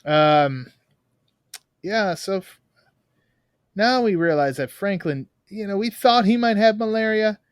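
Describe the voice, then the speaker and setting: A man's voice: high voice, smooth, dry recording. Man retelling a film plot in a dry room. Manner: lively plot retelling with quick asides. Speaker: podcast host. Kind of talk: casual film-review chat.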